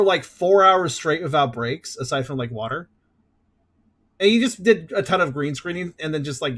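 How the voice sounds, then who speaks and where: Bright, lively man joking through a playthrough. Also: on the high side. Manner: wry, joking asides. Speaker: gaming video host. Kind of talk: casual let's-play commentary. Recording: light game music behind.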